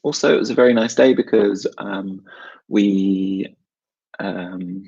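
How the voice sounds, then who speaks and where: A man's voice: lowish voice, takes it slowly, vocal fry, darkish tone, slightly rough, lo-fi sound. A man from South London with a South London English accent, teaching an informal online lesson in short, simple, chatty phrases with some repetition. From South London, England. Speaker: English teacher and webinar host.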